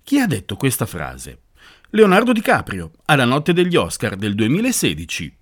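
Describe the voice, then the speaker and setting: Lively male podcast storyteller. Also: medium pitch, normal speed. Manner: storytelling, rhetorical questions. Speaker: podcast host. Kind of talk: scripted narration.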